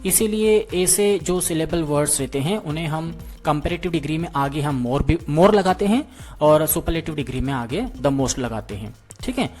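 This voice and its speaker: A man's voice: a little high, animated, moderate pace, a little mellow, faint music behind. A man teaching an English grammar lesson, explaining patiently, repeating key points and checking in with his students often.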